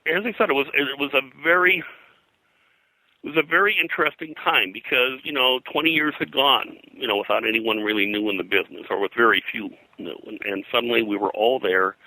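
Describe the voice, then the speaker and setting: An older man, a pop culture historian appearing as an interview guest, tells rambling anecdotes that drift into digressions and lists of names, a digressive, name-dropping storyteller. His medium-pitched voice is fairly quick, bright and forceful. The recording has no echo but is low quality.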